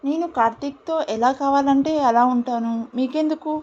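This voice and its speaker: A woman's voice: sits high, moderate pace, darkish tone, close to an everyday voice. A woman voicing a defiant young woman who protests being mistreated, on a dull lo-fi recording. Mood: indignant. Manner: protesting, indignant.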